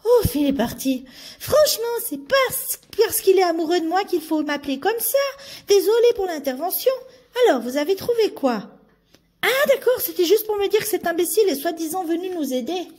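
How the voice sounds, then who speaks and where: A woman's voice: extremely high pitch, darkish tone, pitched above the performer's own voice. A woman voicing a bossy, exasperated young girl who scolds a lovesick friend.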